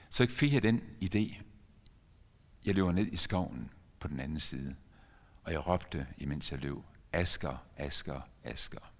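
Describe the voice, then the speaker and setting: An older man preaching a sermon as a pastor, telling a story earnestly with sudden emphatic rises in his voice. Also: low voice. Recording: long church reverb.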